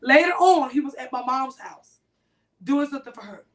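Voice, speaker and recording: A woman with a fairly high voice tells a story on a podcast, animated and talking right to her listeners. She sits a bit back from the microphone, so her voice has some distance. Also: moderate pace. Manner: animated, addresses listeners directly. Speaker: podcast co-host.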